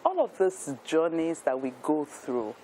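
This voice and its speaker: A woman's voice: sits low, very animated, unhurried, mellow, slight background noise, rough recording. A Nigerian woman in her fifties, a talk show guest telling her life story in an earnest, emphatic way, with frequent restarts. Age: 50s.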